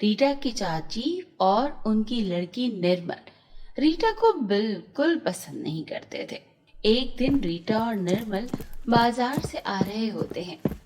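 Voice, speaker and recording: A woman narrating a children's cartoon story in a slow, expressive storytelling manner. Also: a little high, a little hiss or hum.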